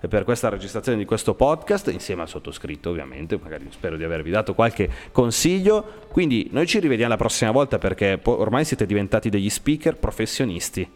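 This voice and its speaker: A man's voice: lowish voice, in a large hall. An adult man hosting a school radio podcast, coaching children with encouraging questions. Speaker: radio host leading a school podcast session. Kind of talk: friendly coaching chat with children. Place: school room set up for recording. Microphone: studio microphone with headphones.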